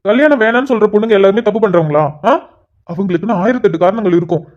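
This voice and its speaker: A protective elder brother from a cartoon, heated and insistent, with a woman acting him out. He talks fast at a medium pitch. The recording sounds dull and lo-fi. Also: natural voice. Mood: firm. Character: young adult man, protective elder brother.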